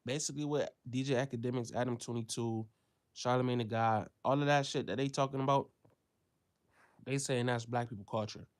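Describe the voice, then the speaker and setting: In an off-the-cuff monologue, a man from the US rants profanely at a fairly quick clip with a steady tone. He drops into quiet, low stretches before bursting out loud and high-pitched whenever he mocks people.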